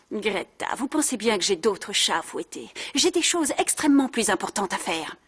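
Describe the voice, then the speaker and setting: An actress playing an excitable, theatrical young woman in a dubbed telenovela, gushing as she talks. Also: medium pitch, normal speed, breathy edge. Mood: scheming, haughty.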